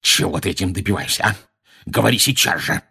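A man voicing a bellowing, furious middle-aged uncle in an audiobook, hoarse and blustering. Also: sits low, expressive, brisk, pushed and bright, full character voice. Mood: furious shouting. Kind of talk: audiobook character voice.

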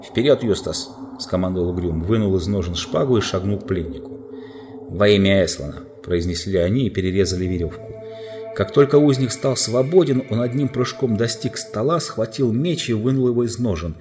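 A man narrating a children's fantasy story in a measured storytelling manner. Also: lowish voice, over music. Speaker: audiobook narrator. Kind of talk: scripted narration.

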